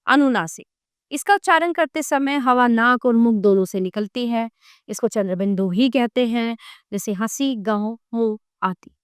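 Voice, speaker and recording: A woman teacher with a fairly high, smooth and resonant voice reads a grammar lesson aloud. She says each sound and example word slowly and separately. The recording is dry and close, with no room echo. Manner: spells out sounds and example words one by one.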